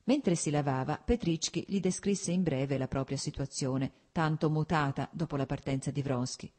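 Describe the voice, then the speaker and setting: A woman reading a classic novel aloud as scripted audiobook narration, at a measured, even pace. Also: low-pitched. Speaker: audiobook reader.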